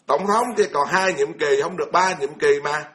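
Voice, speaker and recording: A man's voice: fairly high pitch, normal speed, fairly bright tone. A man, giving a blunt, colloquial Buddhist sermon full of scolding rhetorical questions. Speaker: Buddhist monk lecturer.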